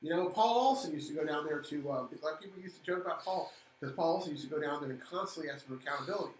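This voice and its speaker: Man, fast and fired up, a little high-pitched, echoey room with faint noise. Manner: fast, heated, repeats words, sarcastic. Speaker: co-host of a local civic live stream. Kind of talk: impassioned casual talk.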